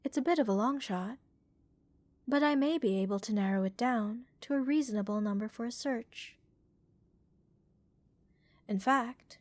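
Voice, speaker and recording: A woman takes the role of an inquisitive female alien scientist studying her specimen in a relaxing ASMR roleplay, calm, clinical, thoughtful and softly reassuring. Her fairly high voice is lightly acted and recorded close and dry, without room sound.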